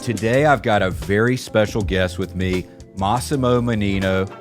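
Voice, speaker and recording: Low-voiced male podcast host. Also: normal speed, loud music behind the voice. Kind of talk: podcast interview.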